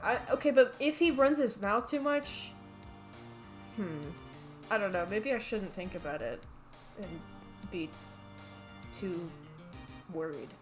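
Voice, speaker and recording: A woman's voice: mid-range voice, expressive, takes it slowly, long pauses, over music. A woman streaming a game with casual commentary, hesitantly thinking aloud as she goes.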